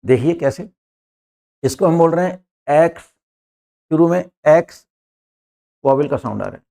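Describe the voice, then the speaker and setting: Gravelly-voiced man teaching grammar step by step. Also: on the high side, dark tone. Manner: repetitive, step-by-step drilling, addresses viewers as friends; points at words on a board as he explains. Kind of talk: explanatory lesson.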